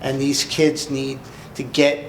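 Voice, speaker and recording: A man's voice: mid-range voice, completely flat delivery, takes it slowly, roomy sound, slight background noise, low-quality recording. A man with a New Jersey accent, hosting an interview in a folksy, emphatic way. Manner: folksy, emphatic, repeats "let me tell you". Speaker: host. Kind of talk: casual interview.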